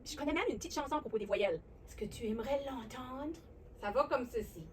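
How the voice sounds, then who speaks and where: A woman with a Québécois accent, hosting a children's lesson on letters and sounds, talking warmly and encouragingly straight to the young viewer. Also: sits high, quick pace, recorded from a distance, slight background noise. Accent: Québécois French. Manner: animated, encouraging, speaks directly to the child viewer. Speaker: children's educational host.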